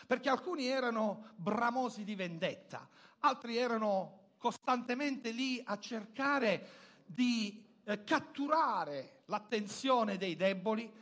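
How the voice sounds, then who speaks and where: A man from Italy preaching a church sermon, swinging between loud exclamations and low, quiet asides. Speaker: pastor.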